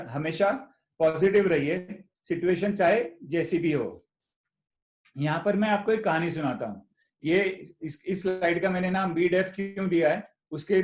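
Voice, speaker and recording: Club meeting speaker, man, motivational storytelling, repeats himself, higher voice. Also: echoey room. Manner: storytelling, repeats words, mixes Hindi and English. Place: meeting room.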